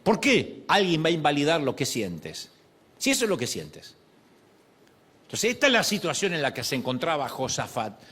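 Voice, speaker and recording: A man's voice: on the high side, huge pitch swings, normal speed, fairly bright tone, slightly rough. A middle-aged man preaching a sermon, acting out prayers and quoted voices. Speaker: pastor.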